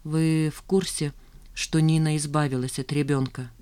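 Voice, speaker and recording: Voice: mid-range voice, measured pace, no echo, close to an everyday voice. A reader voicing a distraught young woman. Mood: weary. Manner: pleading, exclamatory. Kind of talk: audiobook character voice.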